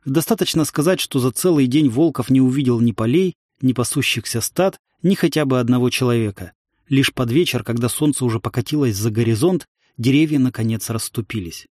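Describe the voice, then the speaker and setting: A man's voice: mid-range voice, fairly quick, darkish tone, dry recording. Man narrating a story in a dry voice. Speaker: audiobook narrator. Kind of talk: scripted narration.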